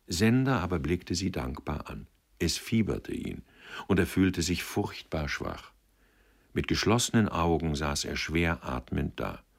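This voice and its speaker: Deep, gravelly male audiobook narrator. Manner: measured, expressive storytelling.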